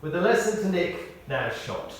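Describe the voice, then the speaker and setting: A British man reads a scripted memorial tribute as a eulogist, weaving in humorous anecdotes. His voice is high-pitched and expressive at a moderate pace, recorded on a distant mic that sounds very echoey, with faint noise.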